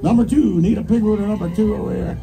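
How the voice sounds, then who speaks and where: A man doing booming, pumped-up live announcing at a fairground show, with drawn-out introductions and folksy, jokey crowd patter. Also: gravelly, warm tone, soft background music. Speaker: pig race announcer and host. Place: outdoor fair show arena with bleachers. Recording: outdoor fairground with noisy crowd.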